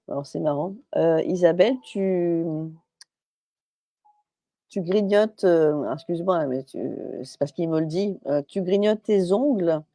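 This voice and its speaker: A woman's voice: fairly low pitch, unhurried, warm tone, dry recording. A woman medium on a live stream, chatty and hesitant, with many fillers and restarts, relaying messages as quoted speech.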